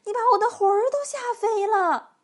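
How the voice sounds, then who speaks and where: A woman's voice: fairly high pitch, lively intonation, normal speed, darkish tone. A woman reading a storybook voices a small frail old woman who shrieks her exclamations and scolds. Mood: shrieking.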